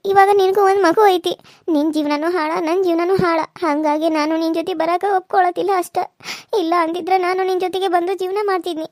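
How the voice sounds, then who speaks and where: A woman's voice: very high voice, no room sound, clean studio sound. A woman voicing a distressed young village wife in a cartoon serial, pleading and tearful. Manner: pleading, tearful, fast and pressing.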